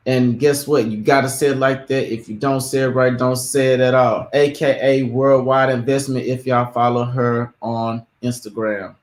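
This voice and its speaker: Rambling host in an echoey room. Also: male voice, mid-range voice, level tone, normal speed, hardly any pauses. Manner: rambling, repeats words, hypes the audience. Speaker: host of a live-streamed interview show. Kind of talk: casual live-stream interview.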